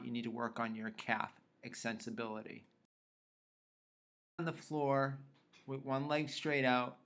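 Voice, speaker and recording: A man's voice: mid-range voice, vocal fry, a bit bright. A man speaking as a fitness trainer, explaining in a plain instructional way and giving directions step by step. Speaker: fitness trainer presenting a tutorial. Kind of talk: instructional explanation of self-tests.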